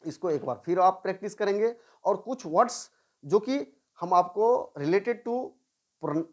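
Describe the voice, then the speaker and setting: A woman teaching English pronunciation in a slow classroom style. She repeats each word several times and asks questions that she then answers herself. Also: mid-range voice, expressive, darkish tone. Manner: drills words by repeating them, asks and answers her own questions.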